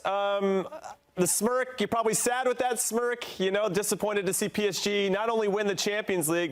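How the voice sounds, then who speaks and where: Playful male sports show host. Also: high voice. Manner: playful, teasing. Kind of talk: casual broadcast chat.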